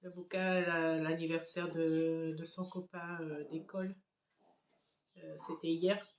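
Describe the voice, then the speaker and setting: A woman's voice: deep voice, flat delivery, takes it slowly, lo-fi sound. A middle-aged woman chatting casually to her phone camera at home, rambling with many hesitant fillers. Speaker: family vlogger. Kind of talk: casual vlog chat to camera. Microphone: handheld phone camera. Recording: echoey home room.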